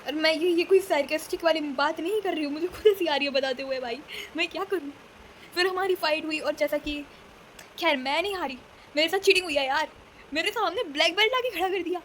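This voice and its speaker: High-voiced chatty young woman vlogger. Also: fairly quick, fairly bright tone, slight background noise. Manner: chatty, dramatic, mixes English words into Hindi. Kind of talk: casual chat to camera.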